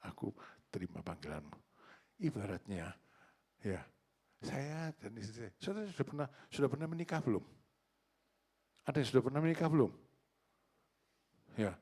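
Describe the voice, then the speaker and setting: A male pastor preaching a sermon, asking the congregation questions and acting out little dialogues. His delivery swings between loud exclamations and hushed prayer. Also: mid-range voice.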